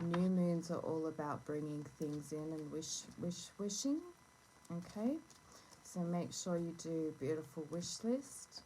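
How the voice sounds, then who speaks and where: A woman with a low voice and a sore throat leads a casual oracle card reading at a slow pace. She meanders and pauses as she gives gentle instructions. It is recorded on a phone with clearly audible noise. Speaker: tarot and oracle card reader hosting a reading. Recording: noisy phone recording with clicks.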